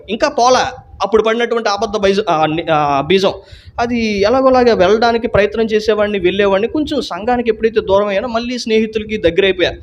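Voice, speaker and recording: High-voiced man giving earnest testimony. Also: muffled recording. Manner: earnest storytelling that acts out quoted dialogue; frequent restarts and hesitations. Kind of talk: personal salvation testimony.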